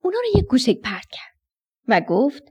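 A woman narrating a children's bedtime story on the radio, affectionate and animated as she addresses the kids. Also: high voice, husky.

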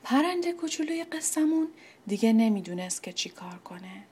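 A woman narrating a children's story in a gentle, half-whispered voice and speaking directly to the children. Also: on the high side, very animated, slightly rough.

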